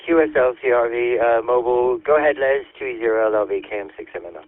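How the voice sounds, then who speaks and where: A man's voice: mid-range voice, quick pace, dry recording. A friendly, upbeat man coming over a two-way radio as he runs an amateur radio net, full of call signs and operator codes. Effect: heard over a two-way radio link. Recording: dry, phone-like radio audio.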